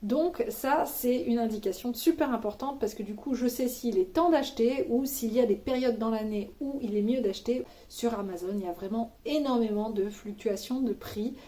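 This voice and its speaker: A woman talking straight to her viewers in a loose, chatty vlog, her voice pitched a little high. Her tone is mellow and soft-edged, and she drops slangy asides and teasing jokes as she goes. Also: moderate pace, hardly any pauses. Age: adult with children. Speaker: vlogger sharing money-saving tips. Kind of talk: casual chat to camera.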